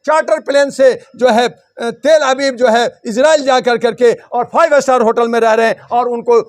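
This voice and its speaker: A man's voice: very high voice, fairly even intonation, normal speed. A man in a heated political argument, firing one rhetorical question after another. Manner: combative, fires rhetorical questions. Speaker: interviewee defending his views.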